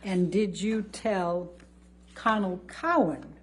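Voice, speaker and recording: A woman attorney cross-examining a witness in a courtroom, asking slow, deliberate, formal questions, heard through a courtroom audio feed. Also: medium pitch, a little hiss or hum.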